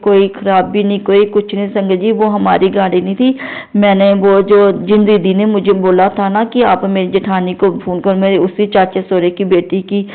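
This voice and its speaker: A middle-aged woman from Jammu telling a long personal testimony to a devotional congregation, rambling and repeating her address to the listeners. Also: mid-range voice. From Jammu, India. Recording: tinny phone-like recording.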